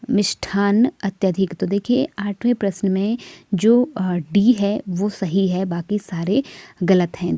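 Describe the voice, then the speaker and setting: A woman's voice: medium pitch, dark tone, no room sound. A woman teaching spelling for an exam practice set, patiently correcting words step by step. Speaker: Hindi teacher.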